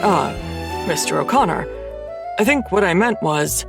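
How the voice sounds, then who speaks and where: Casting: woman reading a jittery, polite TV newsman, slow and measured, slightly low. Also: animated, creaky, over music. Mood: nervous. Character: nervous male TV reporter, polite and formal.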